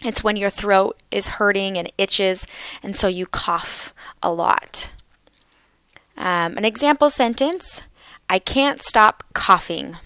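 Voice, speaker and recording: Slow, crisp-voiced woman teaching English. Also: medium pitch, a bit bright, no echo. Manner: slow and carefully enunciated, repeating words for learners. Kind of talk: slow, clear vocabulary lesson.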